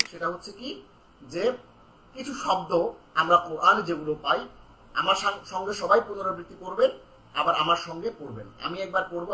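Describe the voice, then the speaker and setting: A man teaching Quran pronunciation in an online lesson, calling out syllables loudly for students to repeat and explaining slowly in between. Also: high voice, roomy sound, slight background noise, poor audio. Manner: slow, explaining calmly between drills.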